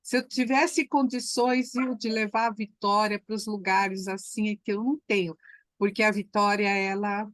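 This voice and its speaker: A woman's voice: medium pitch, flat delivery, moderate pace, a bit bright, no echo. A woman, a class participant telling a story with feeling and repeating words for emphasis. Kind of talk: emotional storytelling on a call.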